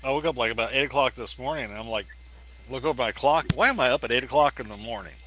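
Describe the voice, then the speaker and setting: A man talking casually with friends, easygoing and quick to laugh. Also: medium pitch, sharp tone, low-quality recording. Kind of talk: casual chat.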